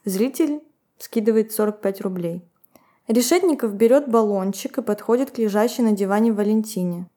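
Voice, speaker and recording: Женщина-ведущая подкаста, мягкий тембр. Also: female voice, mid-range voice, normal speed, warm tone. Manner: recounts events, laughs and comments. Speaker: podcast co-host. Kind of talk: podcast storytelling.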